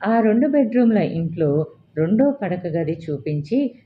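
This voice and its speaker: A woman narrating a story as an audiobook reader, in a calm, measured way. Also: mid-range voice. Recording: dull lo-fi with faint hiss.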